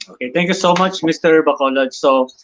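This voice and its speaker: Male host, high-pitched, playful talk, muffled online sound. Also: a little fast, fairly bright tone. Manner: chatty, mixes English and Filipino, jokes. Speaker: interview host. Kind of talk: casual online interview. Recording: dull lo-fi online audio.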